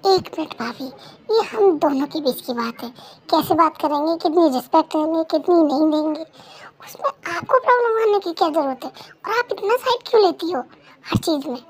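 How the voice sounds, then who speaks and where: A chatty, dramatic young wife, as a woman voices her in a fan dub drama. She is quick and indignant, and her voice runs very high, loud and lively. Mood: defiant. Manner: fast, indignant, talkative. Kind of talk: fan Hindi dub role-play.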